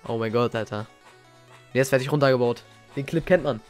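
A young man giving casual, slangy reaction commentary as a gaming YouTuber, excitable and reminiscing. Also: medium pitch, fairly quick. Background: faint game music.

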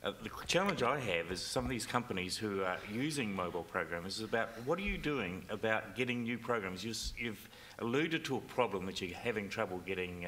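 Earnest New man, forceful. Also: lowish voice, a little hiss or hum. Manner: earnest, urgent. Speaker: panelist. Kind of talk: conference panel discussion. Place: convention centre stage.

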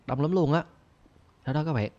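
A young man commenting on his own gameplay, getting excitable and yelping and repeating words when he takes fire. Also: on the high side, moderate pace, lo-fi sound. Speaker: gaming channel host.

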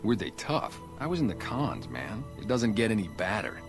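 Manny Vargas, a gruff ex-gang sniper. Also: male voice, on the low side, big pitch swings, moderate pace. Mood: guarded. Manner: blunt, matter-of-fact. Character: gruff ex-gang sniper man, guarded and blunt. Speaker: town security guard. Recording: game audio with music behind.

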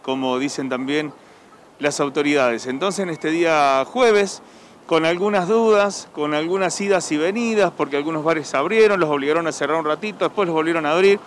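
A man's voice: a little high, moderate pace, a little hiss or hum. A young man with an Argentine accent reporting on location for local TV news, chatting with customers through a handheld mic. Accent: Argentine Spanish. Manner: conversational, chatty reporter asking short questions. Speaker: field reporter. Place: outdoors on a town sidewalk and inside a café. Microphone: handheld reporter microphone.

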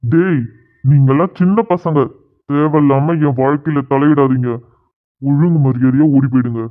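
A smug cartoon groom brushes off and threatens a gang of schoolboys, played by a man. His voice sits a little high, and it comes through tinny and phone-like. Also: steady tone, normal speed, close to an everyday voice. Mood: threatening. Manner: dismissive, threatening.

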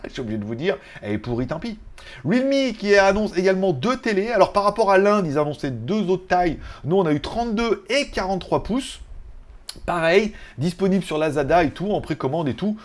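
Man, tech vlog host, casual rambling chat, joking asides, fairly high voice. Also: sing-song, a little fast. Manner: chatty, joking asides, laughs at own jokes.

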